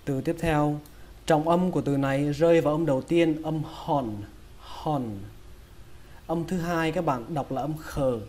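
Mellow-voiced man drilling English words. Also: on the high side, steady tone. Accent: Vietnamese. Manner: repeats each word slowly, breaking it into sounds. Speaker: English pronunciation teacher. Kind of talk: slow, drilled pronunciation lesson.

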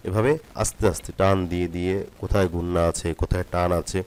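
A man teaching Quran recitation. He reads phrases slowly and drawn out, then explains the rules quickly. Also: low voice, steady tone, a little hiss or hum. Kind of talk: tajweed lesson.

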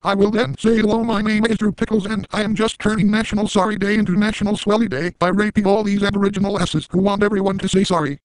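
A crude, unhinged middle-aged cartoon dad, voiced by a man rambles through a comedic parody monologue. His voice sits high for a man and keeps breaking into repeated silly sound effects. The recording is dry and close. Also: fairly even intonation, quick pace, hardly any pauses, dry recording, lightly acted, rough recording. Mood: manic boasting.

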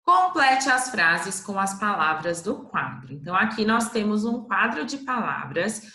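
A woman with a Brazilian Portuguese accent teaching a slow, patient literacy lesson to first graders, stretching out syllables. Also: mid-range voice, very animated, bright, forceful tone, echoey room.

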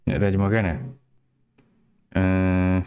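Low-pitched Kelantanese Malay man tutoring. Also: completely flat delivery, slow, darkish tone, clean tone, no room sound, faint music behind. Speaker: Arabic grammar teacher. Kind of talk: informal interactive tutoring. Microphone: headset.

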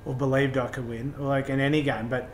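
A man's voice: mid-range voice, flat delivery, fast. A man, chatting casually in an interview. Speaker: interviewer and former professional rugby player. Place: indoors in an empty bar. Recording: roomy, echoey sound with faint noise.

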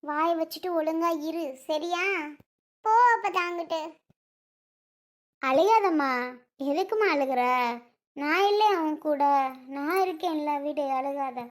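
A woman's voice: extremely high pitch, steady tone, moderate pace, fairly bright tone. A woman playing a caring but stern older aunt in a family drama skit, scolding and comforting in colloquial speech.

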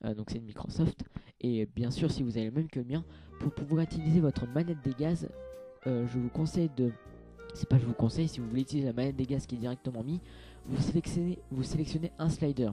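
A young man talks through a game setup in a casual tutorial. His voice is very dark and mellow, he stumbles over fillers and restarts often, and faint music plays underneath. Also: medium pitch, fast. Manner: hesitant, many fillers and restarts. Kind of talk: casual screen-capture tutorial.

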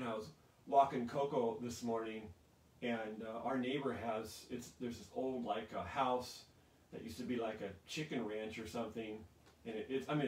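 A man's voice: fairly low pitch, darkish tone. A male pastor giving a casual, rambling livestream sermon and prayer, with many fillers. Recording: echoey room, distant from mic.

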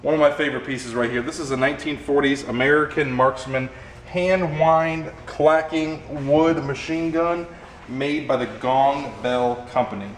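A young man presents items one by one as he tours a warehouse showroom, upbeat in his role as auction preview host. His voice is medium in pitch, steady in tone, and measured in pace, with a bit of hiss or hum and an echoey, faintly ambient room.

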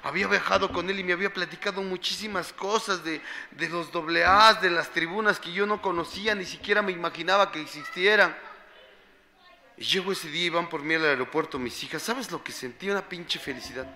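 Man, Mexican accent, middle-aged, high-pitched, bright forceful voice, raw impassioned testimony. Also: brisk. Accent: Mexican Spanish. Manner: raw and intense, heavy slang and swearing. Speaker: group member giving testimony.

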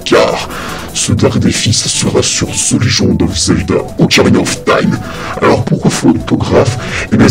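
A man voicing a dark, mocking villain who hosts a video game challenge, taunting theatrically in a croaky growl. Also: on the low side, full character voice. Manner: taunting, theatrical, hesitant delivery. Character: dark male villain sneering at mortals and mocking his victim. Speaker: challenge host of a gaming video. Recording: loud music behind the voice.

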